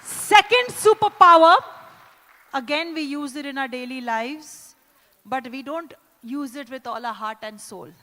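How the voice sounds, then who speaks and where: A woman with an Indian English accent hosting a corporate live event, teasing the crowd and leading loud cheers and laughter. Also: sits high, a little slow. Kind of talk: energetic live event hosting with audience exercises. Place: large indoor event hall. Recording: echoey hall sound.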